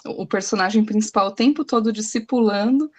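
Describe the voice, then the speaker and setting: Mother sharing a church testimony on a call, heartfelt and halting. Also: medium pitch. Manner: earnest, emotional, hesitant restarts. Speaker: group member.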